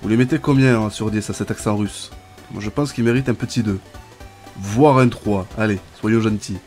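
A man's voice: fairly low pitch, normal speed, soft background music. A young man giving casual, chatty gameplay commentary as a gaming YouTuber. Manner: chatty, bursts into excited shouts and laughs.

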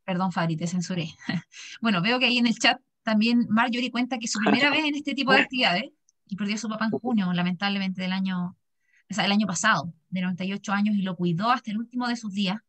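A Chilean woman in her thirties hosts a video call from a small bright office and talks into her laptop mic. She chats along and reads out comments from the chat with lively ease. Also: medium pitch, fast. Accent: Chilean Spanish. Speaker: session moderator. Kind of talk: warm moderating of a video call. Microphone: laptop webcam mic on a video call.

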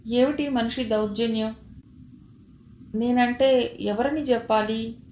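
A woman's voice: a little high, fairly even intonation, takes it slowly, darkish tone, slight background noise. Lady doing a nervous gate guard guy, hesitant, in a storybook reading, echoey. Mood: wary. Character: wary male gate guard, nervous then humble. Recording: roomy echo.

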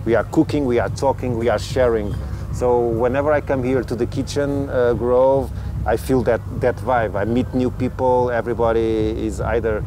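A man's voice: mid-range voice, steady tone, normal speed, background noise. A Portuguese man who was born in Africa, talking about running food workshops at a festival, with frequent restarts. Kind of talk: festival interview. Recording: music playing behind.

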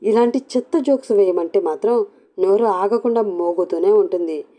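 A woman's voice: mid-range voice, normal speed, dark tone, lightly acted. A woman voicing an impatient, scolding elder sister-in-law in a storybook reading.

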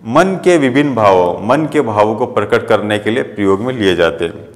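A man's voice: lowish voice, lively intonation, moderate pace, big-room sound. A male school teacher giving a grammar lesson, explaining in simple terms and often checking that his students follow him.

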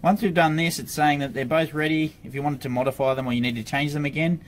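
Speaking quickly in a fairly high, steady voice, an Australian man gives an informal hands-on tutorial, narrating each step at his office desk. He's a product demonstrator for an intercom supplier. The clear recording carries background noise and the ambience of the room.

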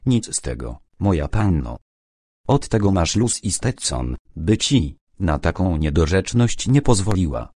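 A man's voice: sits low, very animated, mellow, no room sound, studio quality, heavily acted. A man reading a bossy chatty young woman. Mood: insistent. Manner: brisk, insistent, chatty. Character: bossy, lively young woman, a busy friend.

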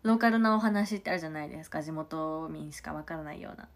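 An idol livestream host, a young woman from Nagano, Japan, chats casually in a low voice, talking fast. Between stories she thanks viewers for their comments.

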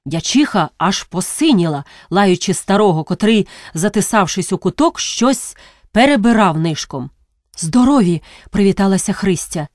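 A woman reading a classic novel aloud as a narrator, measured and dramatic. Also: mid-range voice, expressive, dry recording, clean studio sound. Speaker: audiobook narrator. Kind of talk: expressive literary narration.

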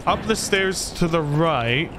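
Speaking slowly in a fairly high, animated voice, this man from Scotland streams a game and talks to his chat as he goes. His commentary is rambling and self-deprecating, typical casual livestream banter, with noticeable background noise in the recording.

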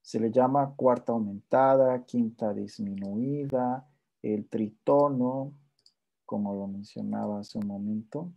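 A man teaching a relaxed music theory lesson, explaining step by step and often checking in with his listeners while playing examples on guitar. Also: mid-range voice, takes it slowly, creaky, muffled recording. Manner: plays intervals on guitar between phrases.

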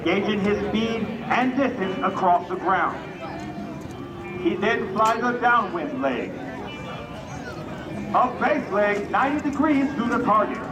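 A man announcing an air show parachute jump over a public address system, with a drawn-out showman delivery. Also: high-pitched, lively intonation. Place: outdoor air show field. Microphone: PA system recorded from the crowd. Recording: echoey loudspeaker heard from far off. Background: loud music and cheering crowd.

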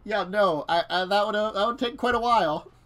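A man's voice: sits high, a little fast, a bit bright. A man talking casually as the storyteller of a tabletop role-playing game. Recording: faint noise with keyboard clicks.

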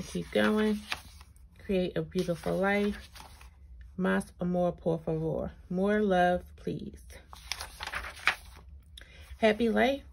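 A woman talks through a casual vlog in a medium-pitched voice with a gravelly creak. Her speech is slightly caught up by dental braces. She is informal and chatty, thinking aloud as she reads things out, with some noise and clicking behind her. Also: darkish tone. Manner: informal, thinking aloud while reading items out. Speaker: planner reviewer, video host. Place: indoors at a tabletop, hands-only overhead shot. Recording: noticeable background noise with clicks.

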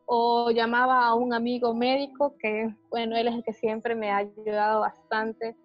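A woman giving a personal testimony in a conversation, speaking hesitantly with many pauses and restarts. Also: a little high, level tone, highs cut off, soft background music. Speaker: interviewee describing her panic attacks.

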